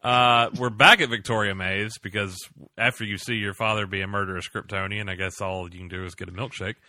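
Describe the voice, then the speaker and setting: A man with a lowish but bright, forceful voice, talking through an episode in casual, animated fashion. He jokes and tumbles from one scene to the next. The sound is close and dry. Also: no echo. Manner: animated, joking, retells scenes in quick asides. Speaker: podcast host recapping a TV episode. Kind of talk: casual recap chat.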